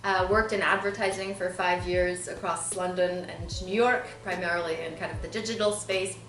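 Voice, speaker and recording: Born in Bulgaria and raised in Southern California, a woman in her thirties is an interview guest explaining things conversationally with frequent asides. Her lowish voice is steady and fairly bright at a moderate pace, recorded on a distant mic with roomy echo, faint music and slight background noise.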